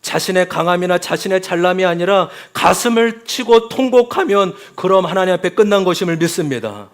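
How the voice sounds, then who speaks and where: Man, pastor, sermon, fairly high voice, addresses the congregation. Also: expressive, a little fast. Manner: preaching with dramatic acted quotes, addressing the congregation often.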